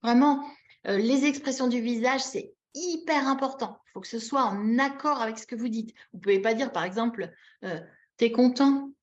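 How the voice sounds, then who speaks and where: A woman with a fairly high voice teaches a live session over a video call. She is animated and demonstrative, repeats key words and acts out little example phrases expressively. The audio is dull and lo-fi, as webinar sound often is. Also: fairly quick, hardly any pauses. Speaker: webinar trainer teaching baby signs.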